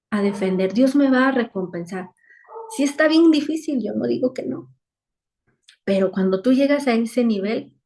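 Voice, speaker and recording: A woman's voice: medium pitch, darkish tone. A woman teaching a weekly Bible lesson over a video call, earnest and repeating phrases for emphasis.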